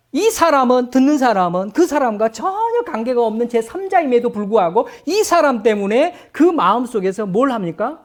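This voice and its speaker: A middle-aged male pastor preaching a sermon, animated, acting out quoted voices and then dropping to soft, low tones.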